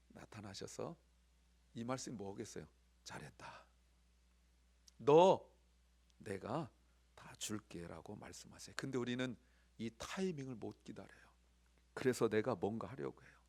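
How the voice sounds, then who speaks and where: Male pastor, sermon, gravelly voice, mid pitch, loud bursts and hushed asides. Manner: animated preaching, swinging from loud emphasis to near whispers. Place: church sanctuary.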